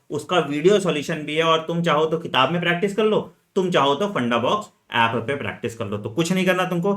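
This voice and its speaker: A man coaching medical entrance students in an energetic, chatty lesson, talking straight to them and dropping frequent fillers. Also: mid-range voice. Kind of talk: energetic exam-strategy lesson, chatty Hinglish.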